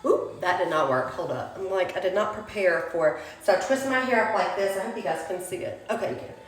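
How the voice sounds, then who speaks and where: Soft music plays behind a young beauty vlogger whose lowish voice moves briskly with lively intonation. Nursing a cold and sniffling, she chats casually through hair care, calling viewers y'all, recorded at home in an echoey, roomy space.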